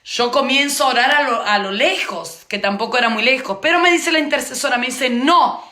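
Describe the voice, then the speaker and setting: A woman's voice: sits high, brisk, bright, forceful tone. A woman preacher telling a testimony as part of a sermon, in vivid storytelling that repeats phrases for emphasis. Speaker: preacher teaching on intercession. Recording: echoey room.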